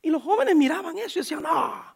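A pastor preaching a sermon, animated, calling his listeners brothers and acting out the voices of people in his stories. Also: extremely high pitch, fast, vocal fry. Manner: acts out quoted voices.

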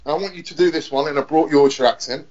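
A playful man co-hosts a casual podcast and teases his partner as he leads a segment. His voice sits fairly high. The sound is muffled and lo-fi. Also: fast talker, darkish tone. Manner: playful, teasing. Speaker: podcast co-host. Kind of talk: casual chat. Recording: dull lo-fi podcast audio.

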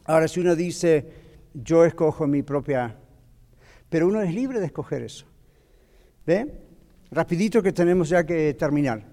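A man's voice: a little high, a little fast. A man teaching a Bible class in a conversational way, telling stories and asking his listeners questions. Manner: animated storyteller, asks the audience questions. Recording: long reverb of a hall.

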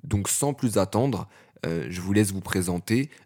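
Man, fairly low voice, podcast host, friendly, measured, frequent fillers. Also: animated, darkish tone. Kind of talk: hosting a podcast round table.

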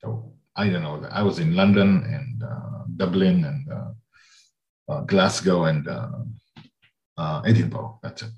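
A man's voice: low voice, slow pace, a little mellow. A man hosting a podcast, talking in a casual interview chat. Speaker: podcast host. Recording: echoey, dull lo-fi room sound.

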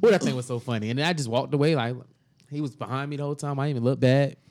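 A man's voice: medium pitch, very fast, darkish tone. A man on a casual podcast telling a story, acting out both sides of it with lots of drama.

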